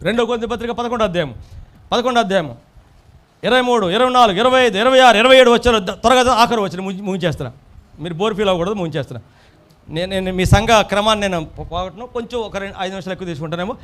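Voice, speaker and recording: High-voiced preacher, emphatic swells. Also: male voice, very fast. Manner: preaching with loud emphatic swells and repeated phrases. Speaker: pastor. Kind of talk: sermon.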